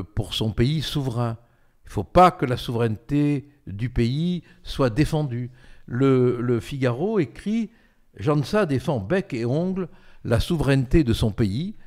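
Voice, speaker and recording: An older man hosts a political talk show, commenting emphatically in a medium-pitched, slightly mellow voice. His speech is dotted with fillers and restarts.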